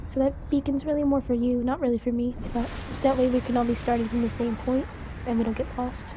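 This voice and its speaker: A woman with a voice on the high side hosts a video game walkthrough, giving casual step-by-step commentary and instructions. She speaks quickly in a level tone, with game sound and background noise behind her.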